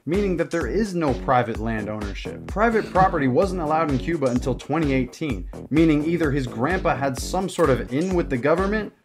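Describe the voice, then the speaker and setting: A man's voice: a little high, animated, fairly quick, few pauses, music in the background. Sarcastic man narrating a video essay. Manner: sarcastic, dry storytelling. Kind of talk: scripted commentary narration.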